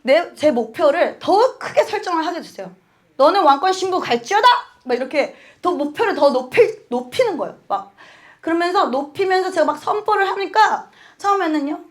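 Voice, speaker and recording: Woman, high voice, church testimony, emotional, acts out her prayers, laughs between lines. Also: expressive, moderate pace. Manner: laughs often while talking. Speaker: church speaker giving testimony. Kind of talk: sermon testimony.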